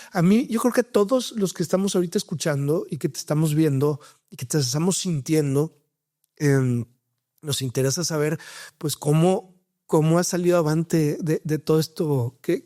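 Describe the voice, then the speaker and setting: A man's voice: fairly high pitch, warm tone. A man hosting a podcast, asking earnest and encouraging questions in a casual talk. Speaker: podcast host.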